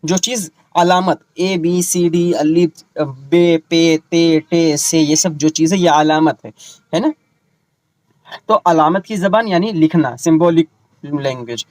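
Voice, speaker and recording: Running an online exam-prep class, a man speaks in a fairly high voice with a darkish tone, captured in a dry recording. He works through terms at a slow pace, gives English equivalents for each, and throws rhetorical questions at the students.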